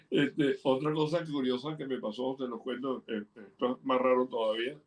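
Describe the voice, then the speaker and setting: A man's voice: medium pitch, fairly even intonation, a little slow, far from the mic. An older man with a Venezuelan accent, a guest telling personal anecdotes in a playful way, acting out the voices of the people in his stories. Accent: Venezuelan Spanish. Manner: playful storyteller, acts out quoted voices. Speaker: guest, interviewer's father. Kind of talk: anecdotal storytelling.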